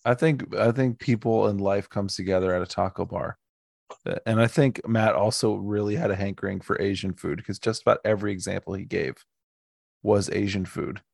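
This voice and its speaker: A man co-hosts a casual podcast, telling animated, jokey stories. His voice sits low and has a gravelly fry to it. The sound is close and dry. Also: normal speed, no room sound. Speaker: podcast co-host. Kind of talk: casual chat.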